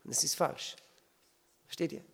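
A man's voice: normal speed, a bit bright. A man giving a church teaching, often asking his listeners rhetorical questions. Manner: asks the audience rhetorical questions. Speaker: preacher. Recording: reverberant hall.

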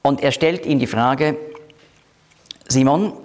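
A man leading a Bible study, explaining scripture slowly and quoting verses aloud. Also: very animated. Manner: slow, explanatory, quotes scripture in a lowered voice; switches between teaching and group discussion. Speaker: Bible teacher.

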